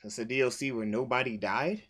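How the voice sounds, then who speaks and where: A man's voice: mid-range voice, fairly quick, a bit bright, husky. A man giving playful, slangy reaction commentary as he plays a video game. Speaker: gaming streamer.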